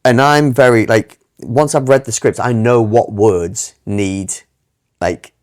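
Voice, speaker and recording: A man's voice: medium pitch, fairly even intonation, slow pace, a little mellow. A man talking casually about directing an amateur play, earnest, restarting sentences and giving examples. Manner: earnest, repeats words and restarts, explains with examples. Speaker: theatre director and club vice chair, guest. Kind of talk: casual podcast chat.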